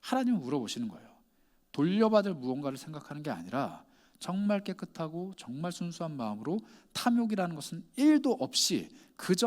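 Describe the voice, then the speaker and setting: A male pastor preaching a sermon, putting pointed rhetorical questions to his congregation. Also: on the high side.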